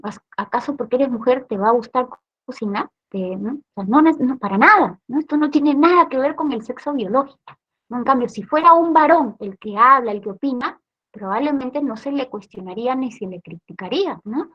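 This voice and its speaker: A woman's voice: high voice, lively intonation, fairly quick, breathy edge, dull audio. A woman with a Peruvian accent teaching a training session for police, explaining step by step and often checking in with her listeners. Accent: Peruvian Spanish. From Peru. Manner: tag questions, explanatory. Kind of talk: training lecture.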